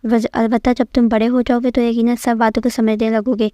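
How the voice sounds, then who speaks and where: A woman's voice: on the high side, level tone, dark tone, no room sound, lightly acted. A woman voicing a bearded old male dwarf sage who lectures and scolds in proverbs, read as part of a storybook tale. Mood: lecturing. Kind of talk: storytelling narration.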